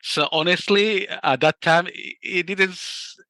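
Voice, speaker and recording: A youth ministry director, a middle-aged man from Mexico with a Mexican Spanish accent, shares his personal testimony in an interview, earnest and reflective and often restarting sentences. His voice sits high, with a steady tone, a measured pace, and a bright, forceful quality. There is no room sound.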